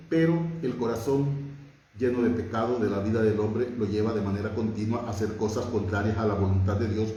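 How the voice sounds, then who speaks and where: A man's voice: lowish voice, dark tone. A man preaching a sermon, fervent and emphatic, his voice rising on key words. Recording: very echoey room, from far off.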